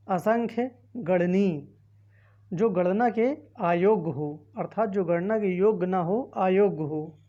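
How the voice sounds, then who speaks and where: A woman's voice: medium pitch, warm tone, highs cut off. Woman teacher walking through a quiz. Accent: Hindi-speaking north Indian. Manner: reads answer options one by one, then explains. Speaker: exam-prep teacher. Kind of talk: quiz walkthrough lesson.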